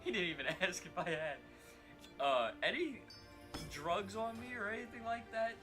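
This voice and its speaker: A man talking loose and unfiltered on his game stream. His voice sits a little high, and game music plays clearly behind him. He swears and chuckles through his sentences. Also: expressive, moderate pace. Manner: rambling, profane, laughs mid-sentence. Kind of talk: casual chat while streaming a game.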